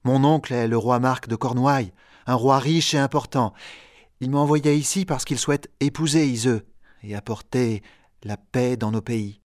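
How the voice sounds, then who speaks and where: A man's voice: medium pitch, normal speed, natural voice. A man voicing a brave young knight in a storybook, speaking in a firm, declaring way. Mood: resolute. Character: young brave male knight, earnest and bold.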